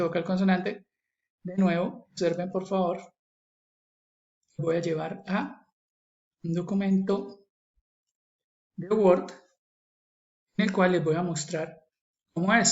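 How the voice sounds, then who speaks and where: A man with a Colombian Spanish accent teaching English grammar in a recorded online lesson. He repeats each rule and keeps checking in with his students. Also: sits high. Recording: echoey, slightly dull screen recording.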